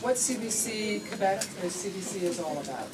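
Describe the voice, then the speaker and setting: A woman's voice: mid-range voice, lively intonation, fairly quick, far from the mic. A woman managing editor giving visitors an informal explanatory talk in a newsroom. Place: working newsroom. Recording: noisy room, off-mic pickup.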